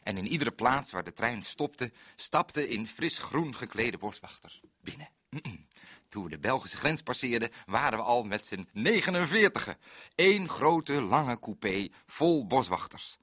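A man's voice: medium pitch, animated, measured pace, sharp tone, no room sound, studio quality. An actor playing a naive, bumbling male forest ranger in a radio comedy monologue, with fussy, odd exclamations. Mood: cheerful. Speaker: comic storyteller.

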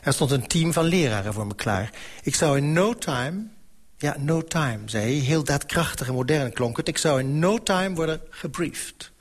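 Husky man reading a wry novel. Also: fairly high pitch, lively intonation, normal speed. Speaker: audiobook narrator. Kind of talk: first-person literary narration.

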